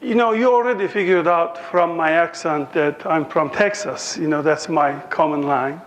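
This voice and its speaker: Turkish-accented guy in his 60s, fairly high voice, joking around while telling stories at a conference talk. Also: normal speed, slight background noise. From Turkey. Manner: joking, anecdotal storytelling. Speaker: professor giving a lecture. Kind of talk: conference lecture.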